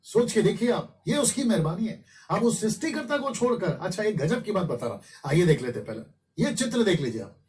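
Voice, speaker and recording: A man's voice: high-pitched, big pitch swings, brisk, a little mellow. A man preaching an evangelistic sermon, exhorting his listeners and repeating his phrases for emphasis. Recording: distant mic with faint background noise.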